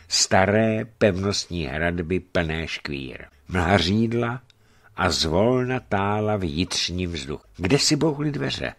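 A man reading a novel aloud as narrator, in a calm, measured way. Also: deep voice. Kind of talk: scripted audiobook narration.

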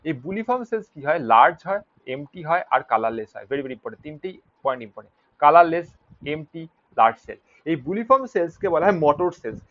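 A man teaching biology for an exam, mixing in English terms and often asking rhetorical questions and checking "clear?". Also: on the high side, sing-song, fast talker, no echo. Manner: mixes Bengali with English terms. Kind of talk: exam-prep lecture. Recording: dull lo-fi recording.

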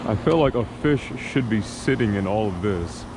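His voice is on the low side, with lively intonation and a moderate pace. The young fishing vlogger narrates casually from his kayak on a lake, self-deprecating and chatty with himself and the fish, over water and outdoor ambience.

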